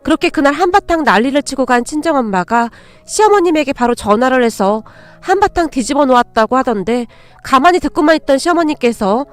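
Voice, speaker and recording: A woman's voice: sits high, expressive, brisk, soft background music. A young adult woman reading a first-person radio-style story in a confiding, emotional way.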